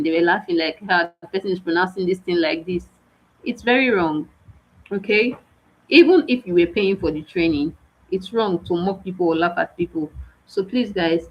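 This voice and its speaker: A woman's voice: medium pitch, a little hiss or hum. A woman giving an onboarding briefing to students, firm and stern, repeating her warnings one after another. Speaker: program organizer. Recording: dull lo-fi audio.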